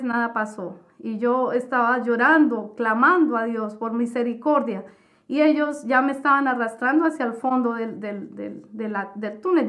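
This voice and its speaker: A woman giving a personal religious testimony, retelling her story in an earnest, halting way. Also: on the high side, fairly bright tone. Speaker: testimony giver.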